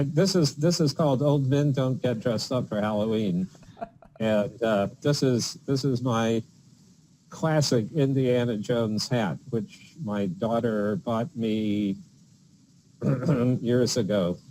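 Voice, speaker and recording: Older man, slow halting delivery, casual video call chat, faint background noise. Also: medium pitch, darkish tone, rough recording.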